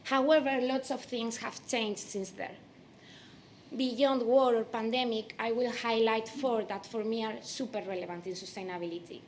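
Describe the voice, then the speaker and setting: A woman's voice: fairly high pitch, fairly even intonation, a little slow, a little hiss or hum. A woman from Spain with a Spanish accent gives a conference keynote as a native Spanish speaker. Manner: non-native English with Spanish phrasing. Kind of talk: conference presentation.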